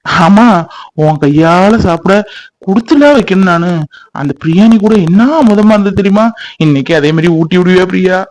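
Guy doing a sweet joking young village husband, kinda high voice. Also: moderate pace, a little mellow, lightly acted. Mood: affectionate. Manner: affectionate, playful and coaxing. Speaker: husband in family skit. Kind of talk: village family drama acting.

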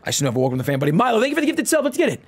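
A young man with a fairly high voice and very animated pitch. He talks like a streamer chatting with his viewers, slangy and loose, jumping between low muttered asides and loud hype calls. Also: very fast, husky. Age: young adult. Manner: slangy, bro-heavy way of talking. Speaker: live streamer opening card packs. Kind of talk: casual livestream chat with viewers. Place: indoor streaming room at home.

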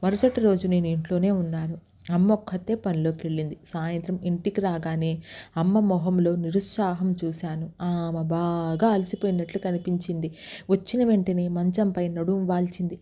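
A woman with a Telugu accent telling a first-person story in steady, unhurried narration. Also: on the low side.

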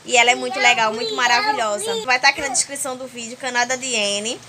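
A woman's voice: on the high side, steady tone, fast talker, a crowd in the background. A young Brazilian woman with a Brazilian accent, chatting casually to viewers in a home vlog, filmed on a phone at arm's length indoors. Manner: chatty, keeps addressing viewers warmly with diminutives. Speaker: home vlogger.

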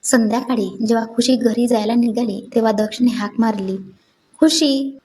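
Brief: female storyteller, fairly high voice, mellow tone, steady scripted read. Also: a little fast, slight background noise.

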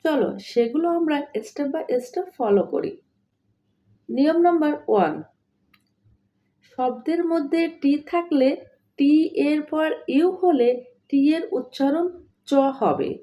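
A woman's voice: sits high, animated, slow, pauses often, mellow. A woman teaching English pronunciation step by step, repeating each rule twice and spelling words letter by letter. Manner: addresses listeners as dear learners. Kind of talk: slow step-by-step pronunciation lesson.

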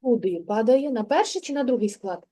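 A woman's voice: on the high side, animated, brisk, warm tone. A kindergarten teacher, a woman, guiding a young child through a literacy lesson, patiently coaxing and sounding out syllables in a classroom.

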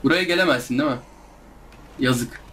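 A man's voice: mid-range voice, a little fast, fairly bright tone. A young man commenting live on a hard game he is playing, exasperated, groaning and pleading with the enemies as he keeps losing. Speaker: gameplay streamer.

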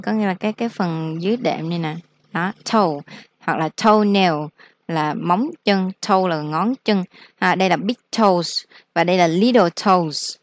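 A woman teaching English vocabulary in a casual lesson, explaining slowly and repeating each word for practice. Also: fairly low pitch.

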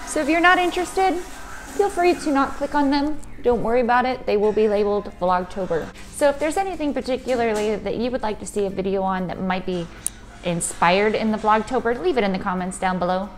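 A woman's voice: mid-range voice, brisk. A young adult woman, a beauty vlogger, chatting casually and offhand to camera while wearing a sheet mask. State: talking through a sheet mask. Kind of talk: casual product review to camera.

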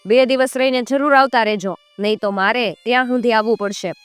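A woman voicing a fierce wife with a harsh, shrill, commanding voice in a folk tale. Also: brisk, no echo, faint music behind, lightly acted. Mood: fierce scolding.

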